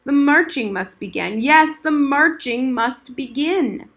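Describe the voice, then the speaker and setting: A woman's voice: on the high side, expressive, unhurried, a bit bright. A woman voicing a stern old male soldier who barks drill commands. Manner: barking drill orders.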